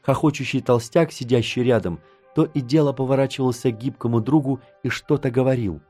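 Man narrating a story, warm low tone, faint music under. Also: steady tone, fairly quick. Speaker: audiobook narrator. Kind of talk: scripted first-person narration.

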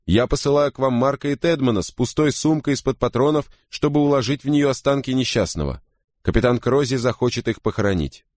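A man voicing a gruff, angry boatswain who barks orders in a raised, harsh voice in an audiobook. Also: mid-range voice, brisk, a little mellow, no room sound, clean studio sound, voice pushed up, lightly acted. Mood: shouting.

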